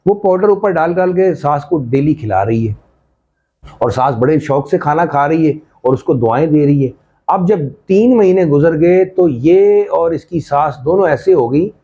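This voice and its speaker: Guy casually telling a story to you, mellow voice, kinda muffled lo-fi sound. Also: a little high. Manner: conversational, addresses listener directly.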